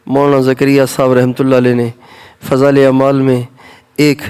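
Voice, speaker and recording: A man's voice: medium pitch, completely flat delivery, a little mellow, clear, resonant tone. A male Islamic preacher with a Pakistani Urdu accent, giving an emphatic sermon to women and repeating his points for stress. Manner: repetitive, emphatic, rising for stress.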